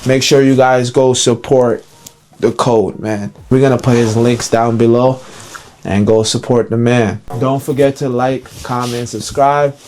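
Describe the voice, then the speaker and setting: A man's voice: medium pitch, steady tone, unhurried, darkish tone, a little hiss or hum. A man hosting a fashion vlog, talking in a hyped, slangy, enthusiastic way. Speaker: vlog host. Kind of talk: casual vlog chat.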